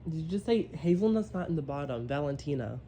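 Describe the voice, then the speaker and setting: Man, podcast host, snarky and teasing, warm relaxed tone, faint hiss behind. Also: fairly high pitch, fast talker, poor audio. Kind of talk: casual chat.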